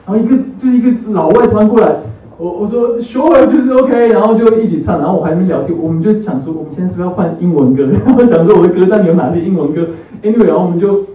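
A man with a high-pitched, dark-toned voice races through a testimony sermon with few pauses, repeatedly seeking the congregation's agreement and mixing in English words. It was recorded in an echoey hall with a distant mic.

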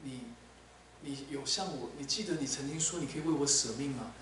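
A man voicing a gentle male lord in a sermon, asking soft, searching repeated questions. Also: high-pitched, brisk, background noise, natural voice. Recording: echoey hall, mic at a distance.

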